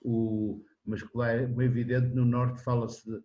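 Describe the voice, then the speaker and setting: A man in his seventies with a European Portuguese accent, answering in a relaxed interview, rambling with restarts and frequent tag questions. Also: medium pitch, unhurried, dull audio. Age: 70s. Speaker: interviewee, singer-songwriter.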